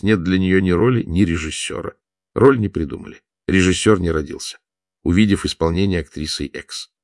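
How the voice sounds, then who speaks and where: A man narrating a string of anecdotes in a measured, wry storytelling manner. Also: low voice, no echo, clean studio sound.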